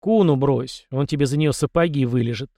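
A man's voice: mid-range voice, a little fast, mellow, dry recording, studio quality, natural voice. A man reading an audiobook and voicing an arrogant, hot-tempered teenage prince who speaks haughtily and stubbornly. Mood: haughty. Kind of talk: audiobook character voice.

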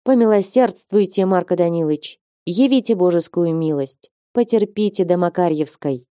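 A woman's voice: fairly low pitch, moderate pace, dark tone, dry recording, studio quality, lightly acted. A woman reading aloud as an anxious male trader in debt, pleading in a trembling voice.

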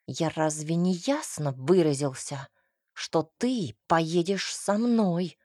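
A woman's voice: lowish voice, animated, takes it slowly, darkish tone, dry recording, clean studio sound. A woman voicing a menacing, obsessive young man in an audiobook, speaking in a sugary, venomous, threatening tone. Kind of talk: audiobook character reading.

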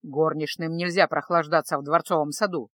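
A woman voicing a sullen young male mage in an audiobook, speaking low and halting. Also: fairly even intonation, dry recording, clean studio sound. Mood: irritated.

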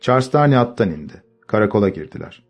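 A man calmly narrating a storybook and voicing its characters. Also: on the low side, fast talker, creaky, faint music behind. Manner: calm, steady reading, voicing characters. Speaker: audiobook narrator.

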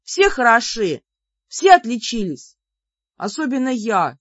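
A woman voicing an exasperated young heroine with a high, shrill, pleading voice. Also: lively intonation, normal speed, a bit bright, dry recording. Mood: furious. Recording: dull lo-fi dry recording.

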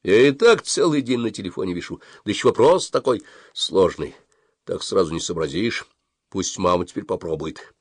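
A man's voice: sits low, expressive, normal speed, breathy edge, dry recording. A man reading an audiobook, voicing a flustered, apologetic father who pleads and fumbles. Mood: weary. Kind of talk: audiobook character voice.

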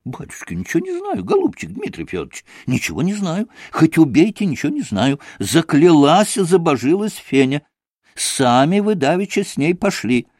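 Give a terrified young maid who pleads and swears she knows nothing, as a man reading an audiobook puts her on. Her voice rises high and swoops widely, tearful and begging, in a dry, close recording. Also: huge pitch swings, quick pace, hardly any pauses, darkish tone, slightly rough, no echo, exaggerated voice. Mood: pleading, frightened.

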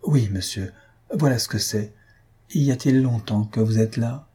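A man's voice: medium pitch, a little slow, mellow, husky. A man voicing a naive, eager young pharmacy student in a storybook reading, with a raised, apologetic voice. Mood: earnest.

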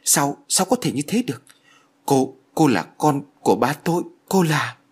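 A man's voice: medium pitch, expressive, fairly quick, slightly rough, voice pushed up. A man voicing a frightened, stammering young man in a spoken ghost story. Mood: panicked. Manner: panicked, stammering.

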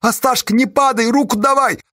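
A man's voice: medium pitch, lively intonation, normal speed, husky, dry recording, clean studio sound. A man voicing a clumsy, stubborn young man who tearfully pleads with his friend. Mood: tearful pleading. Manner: pleading, insistent.

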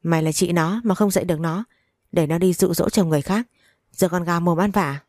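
A woman's voice: fairly low pitch, brisk, darkish tone, no room sound, studio quality, close to an everyday voice. A woman voicing cold, mocking, spiteful women in a gang.

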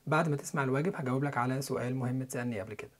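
A young man with an Egyptian Arabic accent, teaching English listening and pronunciation in a quick, chatty way. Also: medium pitch, fairly even intonation. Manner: quick, chatty lesson delivery with spelled-out letters and repeated example words.

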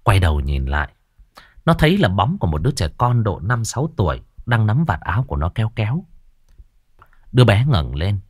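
A man's voice: fairly low pitch, no echo, studio quality. Man telling a crude ghost story.

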